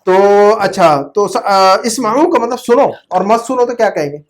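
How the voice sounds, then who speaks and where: A man's voice: sits high, animated, normal speed. A man teaching an Arabic grammar class, asking questions and repeating words for students to echo.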